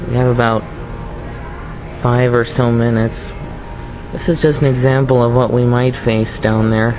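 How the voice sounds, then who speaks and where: A man's voice: mid-range voice, level tone, unhurried, music in the background, poor audio. A man chatting casually and idly as he films his visit in a gift shop. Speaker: vlogger on a tour. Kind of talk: casual vlog chat, filming a visit.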